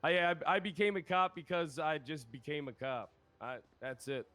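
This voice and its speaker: Rambling, defensive man, slightly high-voiced. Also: normal speed, pushed and bright, dry recording. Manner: rambling, repetitive, casual, swearing. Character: defensive, rambling cop on the witness stand. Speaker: role-player as a police officer witness. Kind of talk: improvised courtroom role-play.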